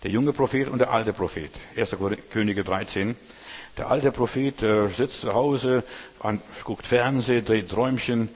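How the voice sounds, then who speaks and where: Husky-voiced male pastor preaching. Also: medium pitch. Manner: colloquial, addresses listener directly with "weißt du". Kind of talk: sermon. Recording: long hall reverb.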